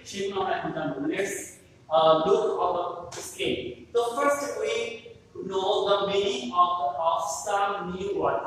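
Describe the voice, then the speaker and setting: Guy teaching english class, higher voice, mixes bengali and english, sounds far off in a big echoey hall. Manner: switches between English and Bengali, repeats each point. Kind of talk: online class lesson. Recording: echoey hall, distant mic, faint noise.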